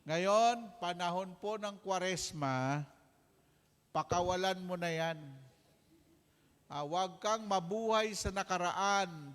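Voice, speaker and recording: Animated preacher in a hall. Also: male voice, high voice, slow, pauses often, clean tone. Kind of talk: healing sermon.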